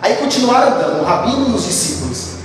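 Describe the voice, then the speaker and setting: A male pastor preaching a sermon to his church, swinging between loud preaching and quiet storytelling. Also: high-pitched, big pitch swings, quick pace, noisy background. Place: church sanctuary. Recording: echoey church hall from far off, with music.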